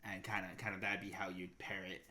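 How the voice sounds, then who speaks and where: A man's voice: low-pitched, little pitch movement, fairly quick, sharp tone, a little hiss or hum. A young man co-hosting a podcast, chatting casually and thinking aloud with lots of fillers. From Massachusetts. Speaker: podcast co-host. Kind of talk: casual chat.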